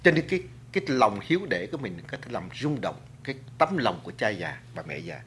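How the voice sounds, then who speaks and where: A man talks as a talk-show guest, his pitch rising and falling with lively swings as he lectures. He speaks earnestly and addresses the audience directly. He often restarts his sentences around filler words. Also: fast, a little hiss or hum. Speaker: guest speaker on food and culture. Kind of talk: studio talk show discussion.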